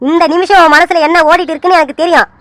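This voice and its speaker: A woman plays a playful, teasing man on the phone in a cartoon serial, who fakes fright and coaxes in quick, bright, very high tones. The voice sounds close and dry, with no room around it. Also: fairly even intonation, no room sound. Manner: teasing, mock-pleading, wheedling. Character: man called Surya sir on the phone, teasing. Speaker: cartoon character. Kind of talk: animated serial dialogue.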